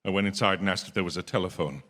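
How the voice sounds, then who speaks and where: A man's voice: sits low, pushed and bright. A man acting a haunted, desperate radio-drama traveler, echoing. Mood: brooding. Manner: halting, stammering when distressed. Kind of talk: radio drama acting, first-person narration and dialogue. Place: theatre stage. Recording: live theatre reverb, music underneath.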